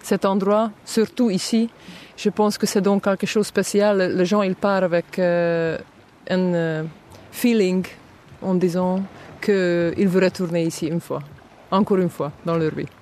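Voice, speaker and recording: Speaking unhurriedly in a fairly low, steady, darkish voice, a Hungarian-speaking woman from southern Hungary answers questions as a casual interview guest. She hesitates a lot, fills pauses and gropes for words, with slight noise in the background.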